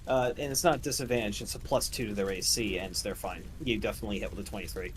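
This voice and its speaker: A man's voice: on the low side, fast talker. Guy running a tabletop game, describing the fight and explaining the rules, bit of faint noise behind him. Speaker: game master.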